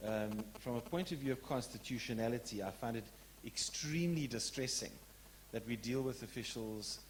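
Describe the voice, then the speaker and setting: A man in the audience of a public lecture, making an earnest, frank statement and putting a question with some halting restarts. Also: mid-range voice, a little hiss or hum. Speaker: audience member asking a question.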